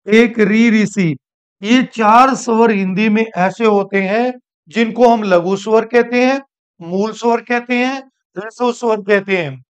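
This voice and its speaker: Male teacher, classroom grammar lesson, clear resonant voice, asks and answers own questions, repeats points. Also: high-pitched. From India. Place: school classroom.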